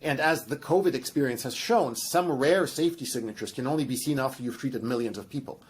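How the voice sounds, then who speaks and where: Brisk and medium-pitched, a genetics professor with a Russian accent and Russian ancestry gives long, enthusiastic interview explanations, restarting often and leaning on fillers. The audio has a little hiss or hum.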